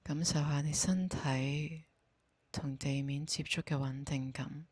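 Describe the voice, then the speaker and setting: A woman speaking Cantonese with a Hong Kong accent, guiding a body scan meditation in a slow, soft, half-whispered voice. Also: low voice, fairly even intonation, breathy edge, no echo. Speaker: meditation guide. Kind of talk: guided meditation.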